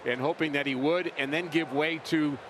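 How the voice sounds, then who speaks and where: Male color guy on a baseball broadcast, higher pitched, talking it over conversationally, loud ballpark noise. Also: fairly even intonation, moderate pace. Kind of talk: conversational game analysis. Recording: loud stadium noise behind.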